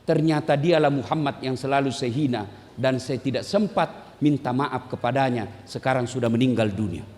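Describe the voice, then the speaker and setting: A scornful blind old man yells in a high, biting voice, as a preacher acts him out. His cries ring through a mosque hall with long reverb. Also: normal speed. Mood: tearful remorse. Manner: shrill shouting insults.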